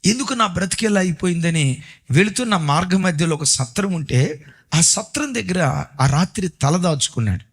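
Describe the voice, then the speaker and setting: A male pastor telling a story in a sermon, dramatic, swinging between loud and hushed delivery. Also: high voice, expressive, moderate pace, husky.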